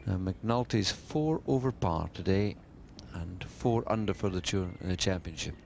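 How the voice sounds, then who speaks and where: A man's voice: low-pitched, expressive, moderate pace, vocal fry, darkish tone. A man giving descriptive live golf commentary in an understated, conversational way. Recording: noisy outdoor sports broadcast.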